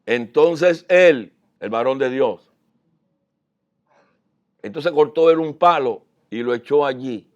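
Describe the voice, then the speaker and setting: A male preacher delivering a language sermon, moving from low, quiet passages to loud, high-pitched exhortation. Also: slow, pauses often, dull audio.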